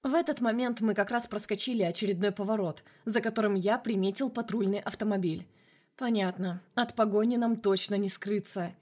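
A woman reading a novel aloud in scripted narration, telling it as a male first-person hero in a steady storytelling voice. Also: medium pitch, a little fast. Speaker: audiobook narrator.

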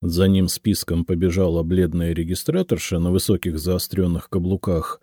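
A man reading a literary story aloud as an audiobook, in a theatrical, lively storytelling manner. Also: deep voice, moderate pace, husky, dry recording, clean studio sound. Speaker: audiobook reader. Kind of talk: expressive literary audiobook narration.

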